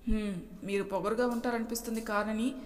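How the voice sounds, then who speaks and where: A woman's voice: fairly high pitch, fairly even intonation, brisk, lightly acted. A woman voicing Chanti, a shy flirting village man. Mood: polite. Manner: polite, shyly flirting. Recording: long hall reverb.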